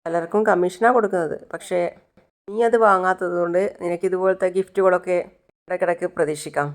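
A man's voice: high-pitched, fairly even intonation, fast, natural voice. Woman reading as a sly young husband. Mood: persuasive.

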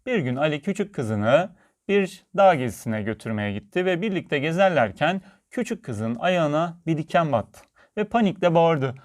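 A man's voice: on the high side, very animated, moderate pace. A man teaching a physics video lesson, friendly and talking straight to his viewers as friends.

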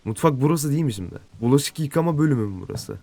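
A man's voice: fairly high pitch, animated, very fast, dark tone, faint music behind. A man doing let's-play commentary on a horror game, swearing a lot and shrieking when he gets scared. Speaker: gamer and dubber.

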